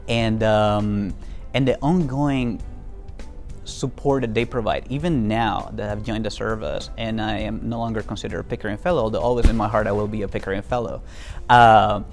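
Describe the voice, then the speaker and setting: Man, gravelly voice, earnest, interview talk, from Venezuela, faint music behind. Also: fairly low pitch, fairly even intonation, normal speed. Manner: earnest, many fillers and restarts. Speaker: interviewee, diplomat.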